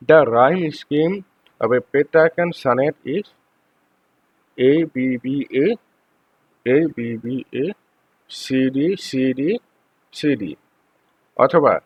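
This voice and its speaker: A man with a Bangladeshi accent giving a lecture, reading English phrases slowly and then explaining them more quickly. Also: mid-range voice. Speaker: teacher. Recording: dull lo-fi dry recording.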